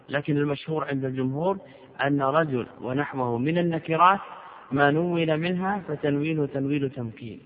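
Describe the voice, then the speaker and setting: A male teacher delivers a measured classroom lecture at a mid-range pitch. He keeps posing questions and answering them himself. The sound is dull and lo-fi, with a long reverb trailing behind him in a large hall. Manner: deliberate, poses and answers his own questions. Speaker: sheikh teaching grammar.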